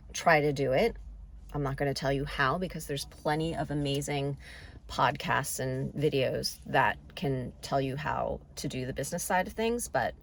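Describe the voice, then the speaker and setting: A woman's voice: sits low, a little hiss or hum. A woman in her forties, an actress vlogging, chatting casually and self-deprecatingly, with frequent laughs. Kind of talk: casual vlog chat. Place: home, then car.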